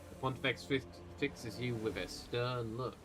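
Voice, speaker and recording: A man's voice: medium pitch, fairly even intonation, moderate pace. A man running a tabletop game as game master on a livestream, narrating scenes and asking questions with casual asides.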